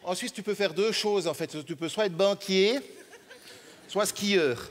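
A deadpan Swiss comedian with a rather high voice and a Swiss French accent, speaking slowly and haltingly from a large stage. His words ring out with a long hall reverb, and clear noise sits underneath. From Switzerland. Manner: deadpan, hesitant, many fillers. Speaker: stand-up comedian.

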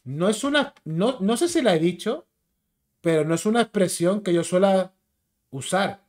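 A man with a Spain Spanish accent delivers a combative, mocking YouTube rant. His voice sits high and swings widely in pitch as he jeers. The tone stays insulting throughout. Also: expressive, normal speed. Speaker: YouTube commentator. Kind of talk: ranting commentary video.

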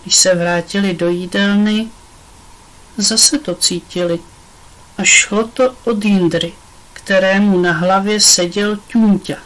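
A woman reads a children's book aloud in a mid-pitched voice. Her storytelling is expressive, as she carries the listener through each scene. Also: rough recording. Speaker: audiobook reader. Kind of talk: children's audiobook narration.

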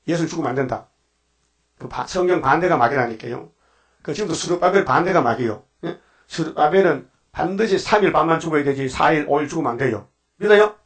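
A man preaching a dawn sermon as pastor, exhorting his congregation with frequent questions and reading scripture aloud. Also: on the high side. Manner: exhorting, asks the congregation "예?" often; reads scripture slowly, acts out quoted voices loudly.

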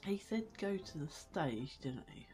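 A female gaming video creator offers casual gameplay commentary, squealing with delight at cute things and muttering asides under her breath. Her low-pitched voice has lively intonation and a slightly slow pace, with music playing in the background.

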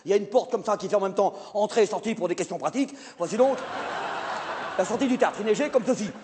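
A man playing a flustered, stammering male theatre director in a live comedy sketch, hesitating and then bursting into shouts. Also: high-pitched, fast talker, natural voice. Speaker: comic stage performer. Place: theatre stage with live audience. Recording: live stage recording, audience noise.

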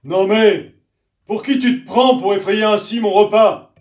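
A woman doing a short-tempered, yelling lizard. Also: lowish voice, fairly even intonation, moderate pace, natural voice. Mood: annoyed. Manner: yelling, annoyed. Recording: roomy, distant mic, faint guitar.

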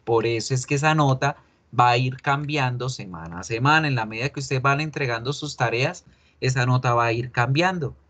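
A man's voice: mid-range voice, a little fast, a bit bright. A Colombian man with a congested, nasal voice, explaining things informally to his online class as their teacher and often checking they follow. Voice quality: nasal, stuffy nose. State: congested with a blocked nose. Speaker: English teacher. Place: online class call with screen share.

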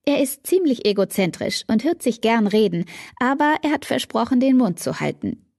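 A woman's voice: on the high side, sing-song, normal speed, vocal fry, darkish tone, dry recording, pitched above the performer's own voice, full character voice. A woman voicing an exasperated, bookish teenage girl in an audiobook, with a dry close sound. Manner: exasperated, defensive.

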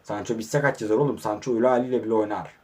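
A young man commentating his own online football game, talking to the players on screen and swinging from low mutters to excited shouts. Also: racing.

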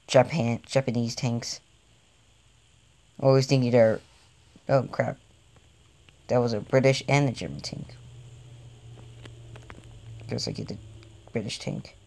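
Young guy rambling thru his tank game, gets hyped fast, jokey, home mic. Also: medium pitch, gravelly. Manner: rambling, easily excited, jokey. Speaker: gaming channel host. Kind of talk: excitable gameplay commentary.

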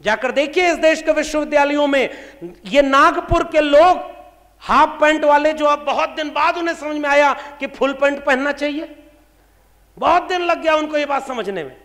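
A man's voice: very high voice, normal speed, fairly bright tone. A man in his thirties from India giving an impassioned political speech to an audience, fiery and rhetorical, firing pointed questions. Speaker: speaker at a public meeting. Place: large hall before an audience. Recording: reverberant hall sound.

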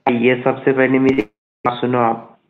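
A male caller comes through a thin, crackly call line that keeps cutting out, his voice narrow and tinny. He speaks slowly and flatly, with little rise or fall. He stops and repeats words as the signal breaks. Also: mid-range voice. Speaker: caller on a livestream debate. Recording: tinny phone-like call audio, distant.

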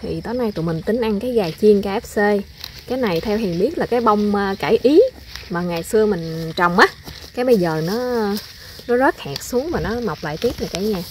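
A woman's voice: medium pitch, lively intonation, fairly quick, slight background noise. A woman, chatting casually to viewers while picking in her garden. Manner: chatty, addresses viewers often. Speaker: vlogger, mother. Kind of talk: casual garden vlog chat. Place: outdoor home garden.

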